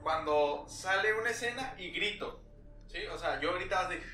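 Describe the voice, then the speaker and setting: Man, Mexican Spanish accent, bright lively voice, echoey, off-mic. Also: high voice, normal speed, far from the mic. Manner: animated, yells when quoting others. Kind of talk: casual chat.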